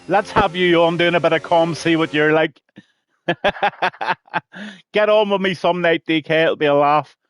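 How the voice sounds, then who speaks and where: An Irish man streams live race commentary from his room at home, bantering and reading out viewer messages. His voice sits a little high for a man. The sound is close and dry. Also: a little slow, fairly bright tone, no echo. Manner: chatty, joking, reads out viewer messages. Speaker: sim racing league commentator and streamer.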